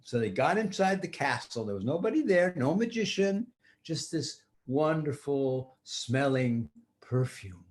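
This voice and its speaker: A man's voice: mid-range voice, sing-song, measured pace. An older man telling a rambling, improvised story to children like a grandfather, often restarting and talking to the listening kids.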